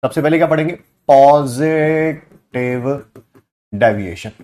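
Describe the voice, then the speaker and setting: A man's voice: on the high side, slow. A male teacher giving a classroom lecture, joking and quizzing his class. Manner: animated, jokey, asks class questions.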